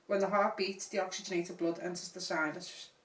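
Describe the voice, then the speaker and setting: A woman co-hosting a casual chat podcast, giggly and animated, recorded roomy and from a distance. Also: on the low side, fairly quick. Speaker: podcast co-host.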